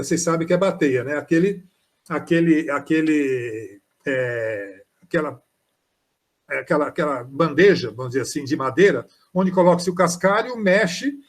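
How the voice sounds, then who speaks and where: An older man, a poet, explaining poems in an informal live-streamed talk, reading verses slowly with frequent hesitations. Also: on the high side. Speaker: poet and author presenting his book. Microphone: live stream microphone.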